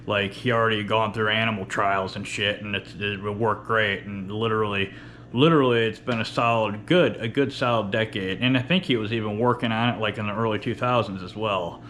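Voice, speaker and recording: A man's voice: lowish voice, fairly even intonation, a little fast, hardly any pauses, bright, forceful tone, slight background noise. A man with a lisp and whistling s from missing top teeth, talking bluntly and profanely in a casual, rambling unedited vlog. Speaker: workout vlogger. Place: indoor home workout space with running fridge.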